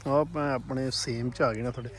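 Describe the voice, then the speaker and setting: A man's voice: mid-range voice, steady tone, fairly quick, a crowd in the background. A man with a Punjabi accent chatting casually as a farmer vlogger, with banter while working outdoors. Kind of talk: casual vlog chat and work banter. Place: outdoors on a farm. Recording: faint outdoor field noise.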